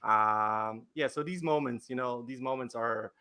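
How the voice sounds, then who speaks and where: A man's voice: mid-range voice, unhurried, bright, forceful tone, clear, resonant tone. A male wedding photographer answering interview questions over a video call, hesitant, with many fillers and restarts.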